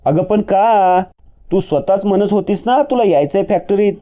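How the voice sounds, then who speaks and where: A man's voice: high-pitched, moderate pace, dark tone, pitched above the performer's own voice, close to an everyday voice. A man voicing a caring young man who talks earnestly and insistently.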